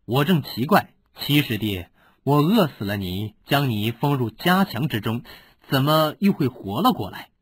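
A man's voice: mid-range voice, sing-song, measured pace, breathy edge, no echo. A man voicing a scheming, cruel older swordsman who gloats over a captured rival. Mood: gloating. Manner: sneering, gloating.

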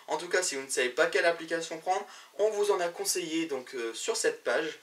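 A man's voice: medium pitch, a bit bright, far from the mic. A man hosting a web show about games, presenting news to camera in a chatty way, with many fillers and restarts.

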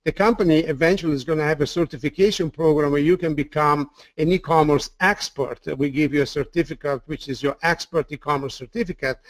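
A man's voice: fairly high pitch, fairly even intonation, a little fast, hardly any pauses, no room sound. A man with an Italian accent giving an enthusiastic sales webinar presentation, often repeating words and using fillers.

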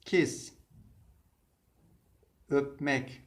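Male language teacher, mid-pitched, extremely slow and deliberate delivery. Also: fairly even intonation. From Turkey. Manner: slow, deliberate reading of words and example sentences. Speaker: English teacher. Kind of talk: slow vocabulary lesson.

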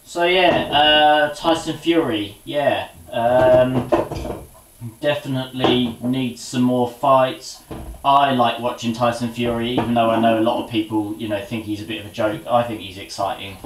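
Unhurried and fairly even in intonation, a medium-pitched man chats loosely about boxing while cooking in a small home kitchen, muttering to himself. It's a vlog shot on the camera's built-in mic, with background noise.

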